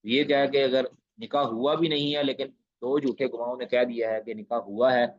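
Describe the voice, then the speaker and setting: A man's voice: mid-range voice, steady tone, dry recording. A man from Pakistan gives an online Islamic studies lecture, explaining each Arabic phrase and repeating the key points with emphasis. His voice sits in an ordinary middle register. The sound comes through a dull, lo-fi call that is dry and close. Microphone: video call. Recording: dull lo-fi online class audio.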